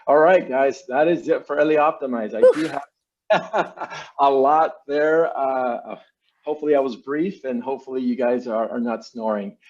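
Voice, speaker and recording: Over dull, lo-fi online meeting audio, a man pitches his marketing agency with an informal slide presentation, peppered with casual business-speak. His mid-range voice is a little mellow.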